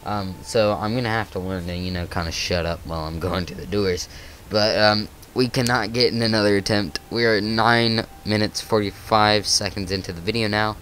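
Lowish-voiced man narrating gameplay. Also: steady tone, moderate pace, a bit bright, slight background noise. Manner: thinks aloud, nervous exclamations. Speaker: gaming channel host. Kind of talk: let's play commentary.

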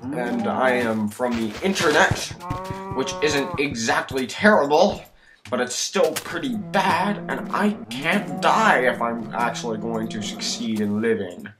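A teenage boy from the United States, tired and sick, rambling through self-mocking gameplay commentary with sudden loud outbursts. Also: mid-range voice, animated, unhurried. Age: teens. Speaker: let's play gamer. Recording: noisy home recording.

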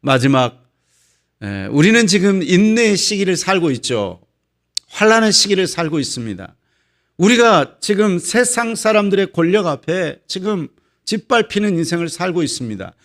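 Animated male preacher. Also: sits high. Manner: animated storytelling, lively preaching. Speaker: pastor. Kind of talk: sermon at dawn prayer service.

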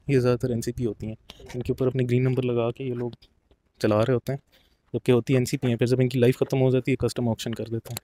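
A man's voice: medium pitch, dark tone. Casual young man touring a car lot. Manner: chatty, explaining as he walks, mixing in English phrases. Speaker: vlogger. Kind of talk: casual walk-through commentary.

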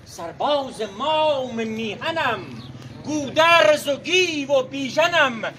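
A man recites epic verse in the naqqali storytelling tradition, theatrical and declamatory, with proud drama and drawn-out words. His very high voice is animated, pushed, and bright, with slight background noise behind it.

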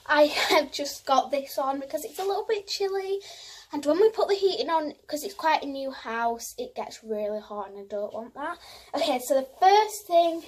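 A teenage girl from Northern England talks through a cook-along vlog in her home kitchen, rambling and correcting herself along the way. Her voice is high-pitched with lively intonation at a normal speed, recorded on a phone camera held close.

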